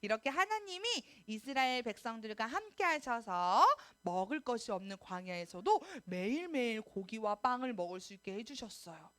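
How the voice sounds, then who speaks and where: A woman, a children's pastor, telling a Bible story in a sermon for little children, animated and asking them questions. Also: a little high, normal speed, few pauses. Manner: animated, sing-song, asks the children questions.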